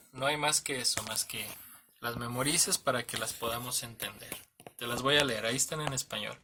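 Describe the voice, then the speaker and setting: A man's voice: medium pitch, sharp tone, slight background noise. A man teaching an English grammar lesson, patiently spelling out letters and often checking in with "¿sale?" and "¿ok?", correcting himself as he goes.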